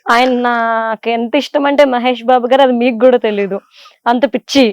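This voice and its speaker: A woman's voice: fairly high pitch, fairly quick, clear, resonant tone, dry recording, studio quality. A young woman, a television serial actress with a Godavari Telugu accent, chatting in an interview with lots of fillers. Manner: chatty and animated, with frequent fillers. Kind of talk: casual interview answers.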